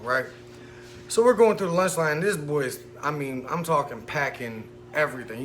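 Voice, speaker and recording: A man with a slightly raised voice tells a story straight to the camera, swearing freely and sounding indignant. He keeps checking in with the listener as he goes. A faint hum sits under his voice. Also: on the high side. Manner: profane, keeps asking "right?" to the listener; emphatic, indignant. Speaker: vlogger recounting a school incident. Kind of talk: casual storytelling monologue.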